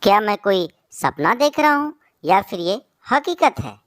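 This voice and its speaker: A woman's voice: mid-range voice, big pitch swings, unhurried, no room sound, studio quality. A woman voicing a vain, fickle young male pigeon in a cartoon. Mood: delighted.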